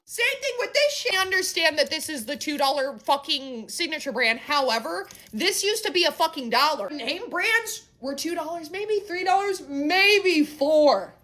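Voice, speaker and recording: A woman with a high, bright voice vents to her camera, her pitch swooping all over. She sounds incredulous and swears for emphasis. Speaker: social media poster. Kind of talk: venting to camera.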